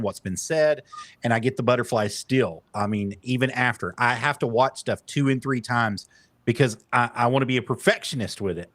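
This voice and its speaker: A man's voice: medium pitch, fairly bright tone, dry recording. Dry-sounding, eager male interview host. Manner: enthusiastic wrestling fan, laughs easily. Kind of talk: casual interview.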